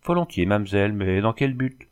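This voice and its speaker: A man's voice: lowish voice, lively intonation, a little fast, smooth, close to an everyday voice. A man reading an audiobook, voicing a talkative former cavalryman who is exclamatory and endlessly apologetic. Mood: polite. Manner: chatty, overly polite, exclamatory. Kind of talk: audiobook character voice.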